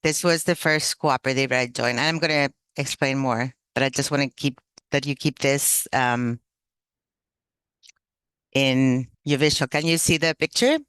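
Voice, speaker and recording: Man presenting, halting with fillers. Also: mid-range voice, fairly even intonation, a bit bright, clear, resonant tone, no room sound. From Chile. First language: Spanish. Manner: hesitant, many "um" fillers and restarts. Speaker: workshop presenter. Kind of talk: online workshop talk. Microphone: video call.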